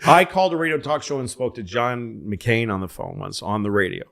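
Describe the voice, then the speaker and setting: A middle-aged man from Massachusetts, co-hosting a podcast in casual chat and telling anecdotes in an animated way, acting out the voices of other people. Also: mid-range voice, brisk, vocal fry. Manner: animated storyteller, acts out voices in his anecdotes. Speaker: podcast co-host.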